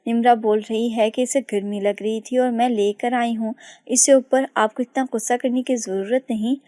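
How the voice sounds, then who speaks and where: A woman voicing a lively, outspoken young woman who speaks her mind and teases in a story reading. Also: a little high, normal speed, no room sound, studio quality, lightly acted. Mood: defiant. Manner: outspoken, teasing.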